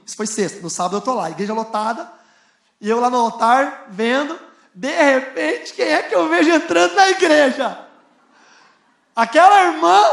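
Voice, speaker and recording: Male preacher from Brazil, gravelly voice, lively storytelling sermon with laughs and shouts, echoey church hall. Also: extremely high pitch. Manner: animated, laughing, rising to shouts. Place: large church.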